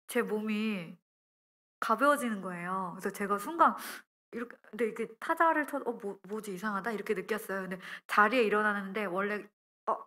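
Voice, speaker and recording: A young woman preaching a testimony sermon in a lively storytelling style. She acts out her own quoted words as she goes. Her voice has a bright edge. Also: medium pitch.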